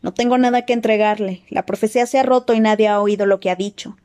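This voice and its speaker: A woman's voice: medium pitch, fairly even intonation, fast talker, natural voice. Defiant teenage boy wizard read by a woman. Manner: shouting, defiant.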